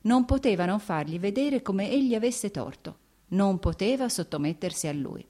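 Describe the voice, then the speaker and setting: A woman's voice: medium pitch, expressive, moderate pace, warm tone. Woman narrating a classic novel. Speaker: audiobook narrator. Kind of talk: literary audiobook reading.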